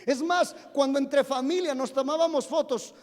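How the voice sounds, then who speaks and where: High-voiced man preaching in a reverberant hall. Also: moderate pace, a little mellow. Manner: humorous storytelling, questions to the congregation. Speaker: pastor. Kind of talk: sermon. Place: church sanctuary. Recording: long reverb of a church hall.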